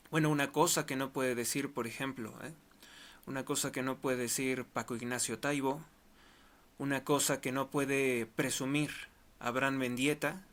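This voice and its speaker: A man's voice: mid-range voice, fairly bright tone. Guy ranting on his channel, mid voice, hammers the same point over and over in short bits. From Mexico. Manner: emphatic, insistent, repeats points in short clauses. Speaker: political commentator. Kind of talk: monologue to camera.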